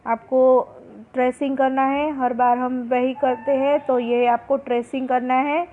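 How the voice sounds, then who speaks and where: A woman's voice: high voice, little pitch movement. A woman teacher walking students through a Hindi phonics lesson, stretching out each word syllable by syllable. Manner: slow, drawn-out pronunciation of each word for students. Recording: tinny phone-like recording.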